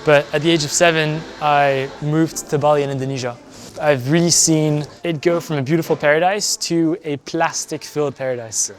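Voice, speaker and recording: A man's voice: fairly high pitch, steady tone, normal speed, soft background music. A young man from France, earnest and talking in an interview as an activist, with frequent fillers and restarts. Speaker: guest, environmental activist. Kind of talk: conversational interview.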